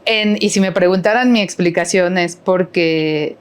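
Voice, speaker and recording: Speaking with a Mexican Spanish accent, this middle-aged podcast guest has a lowish, clear, resonant voice and an unhurried delivery. The casual interview finds her rambling, scattering fillers and tag questions throughout.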